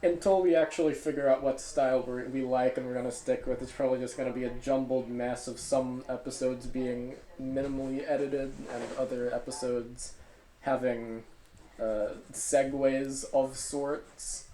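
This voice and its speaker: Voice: medium pitch, flat delivery, normal speed, warm tone, reverberant, rough recording. A podcast co-host in casual comedy chat, rambling and hesitant with many filler words, on a makeshift microphone. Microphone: makeshift microphone, not the usual one.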